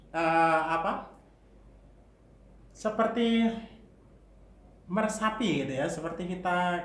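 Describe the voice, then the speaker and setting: A man with an Indonesian accent, a vocal coach patiently explaining articulation and demonstrating vowels. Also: a little high. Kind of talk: singing lesson. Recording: roomy with faint hiss.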